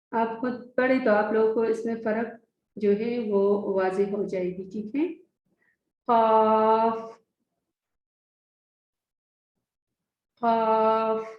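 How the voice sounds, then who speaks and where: A woman teacher giving a recorded lesson to young children, stretching out each letter name for them to repeat. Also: medium pitch. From Pakistan. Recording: echoey, dull lo-fi recording.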